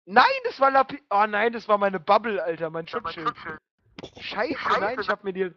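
Drunk high-voiced young German gamer. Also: male voice, normal speed, no echo. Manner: crude, swears a lot, excitable. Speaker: online gamer. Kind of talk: casual voice chat while gaming. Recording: muffled lo-fi voice chat.

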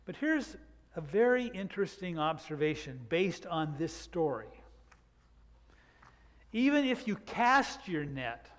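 A man's voice: high-pitched, very animated. An older man, a pastor, preaching a reflective sermon from the pulpit of a church sanctuary, drawing out words for emphasis. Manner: reflective, unhurried, with drawn-out emphasis. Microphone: pulpit microphone. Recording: long church reverb.

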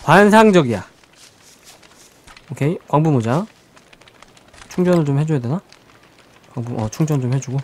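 A man with a fairly high voice gives chatty, live let's-play commentary on a survival game. He answers his viewers' questions and talks to the game's creatures as he plays. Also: lively intonation, moderate pace, long pauses. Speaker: game streamer.

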